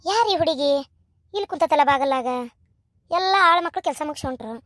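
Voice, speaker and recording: Old cartoon village gossip, woman voicing, hushed, confiding, North Karnataka Kannada accent. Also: sits high, fairly quick, dry recording, clean studio sound. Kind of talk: cartoon voice acting.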